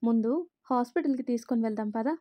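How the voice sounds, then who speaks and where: A woman's voice: a little high, fairly even intonation, fast, lo-fi sound, lightly acted. A woman voicing an older father-in-law who speaks in a stern but fatherly, caring way.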